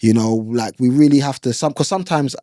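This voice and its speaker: A man's voice: medium pitch, a little fast, warm tone, no echo, studio quality. A young man from Ghana with a London accent, a guest musician talking passionately in a casual conversation. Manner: passionate, vocal, uses slang like "bro" and "innit".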